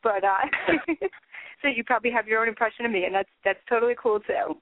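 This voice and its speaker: A woman's voice: on the high side, lively intonation, a little fast, no echo. A woman with a New Jersey accent hosting a casual interview show in a chatty, effusive way. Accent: Northeastern US, New Jersey. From New Jersey, United States. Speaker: radio show host, interviewer. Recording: dry, tinny phone-line radio audio.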